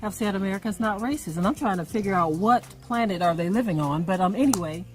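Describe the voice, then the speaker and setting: A woman's voice: mid-range voice, lively intonation, fast talker, faint music behind, rough recording. A woman in casual conversation, telling a personal story in an earnest, emphatic way. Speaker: co-host.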